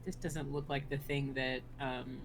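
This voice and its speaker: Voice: mid-range voice, level tone, a little slow, poor audio. Tabletop player over music, questioning. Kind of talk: casual, questioning game-table chat.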